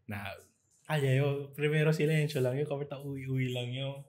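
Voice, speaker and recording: A man co-hosting a relaxed podcast conversation. He tells his stories in an animated way and slips into playful impressions of other people. His voice sits at an ordinary middle pitch for a man. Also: normal speed. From Zamboanga, Philippines. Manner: animated storytelling with playful mimicry. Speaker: podcast co-host. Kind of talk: casual chat.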